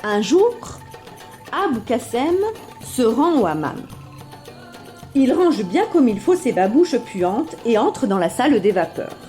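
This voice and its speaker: Lady reading a kids story, high bouncy voice, soft music behind. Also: takes it slowly. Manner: expressive, playful sing-song.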